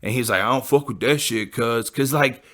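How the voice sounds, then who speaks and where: A man in his late twenties, from the Midwest, speaks at normal speed in a mid-range, slightly bright voice. As a podcast host he's easygoing and profane, wandering through his thoughts with plenty of "like" and "you know."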